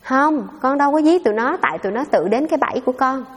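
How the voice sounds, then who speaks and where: A woman voicing a stubborn, defiant middle-aged male frog hunter, in a brash, quick voice. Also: sits high, animated, breathy edge, big-room sound, pitched above the performer's own voice.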